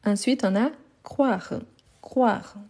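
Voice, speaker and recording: Slow, patient woman teaching French verbs. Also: mid-range voice, dark tone. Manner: slow and patient, repeating each verb and confirming answers. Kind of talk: live online grammar lesson. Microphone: phone.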